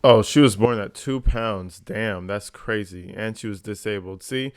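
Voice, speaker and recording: A man's voice: lowish voice, measured pace, clean tone, dry recording, clean studio sound. A man giving informal, incredulous commentary as a video host, swearing casually.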